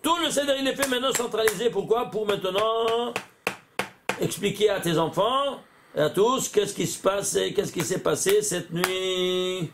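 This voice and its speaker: A rabbi leads a religious lesson in a gravelly, slightly high voice. He keeps quizzing his listeners with rhetorical questions. His phrases often stall and restart on repeated words. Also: normal speed, background noise.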